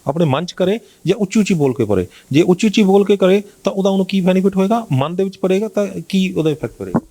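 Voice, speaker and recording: Fast-talking man interviewer. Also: high-pitched, lively intonation, mellow. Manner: asks long informal questions. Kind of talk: interview questions.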